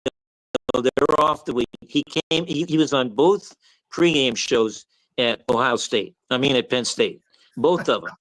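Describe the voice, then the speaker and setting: A man's voice: mid-range voice, unhurried, fairly bright tone, no room sound, low-quality recording. An older man on a sports talk panel, grumbling and sarcastic, often restarting his sentences. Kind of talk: casual sports banter.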